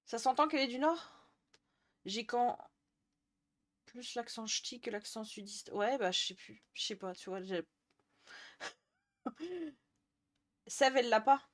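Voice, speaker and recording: A woman's voice: a little high, lively intonation, slow, pauses often. A young woman from the Jura chatting casually on a live stream, answering viewers' messages and laughing often. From Jura, France. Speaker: Twitch streamer.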